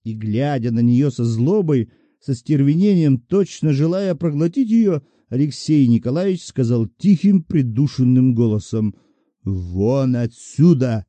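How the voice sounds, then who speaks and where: A man narrating a literary story aloud in an expressive, animated way. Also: mid-range voice, normal speed, hardly any pauses, no room sound. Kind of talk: literary audiobook reading.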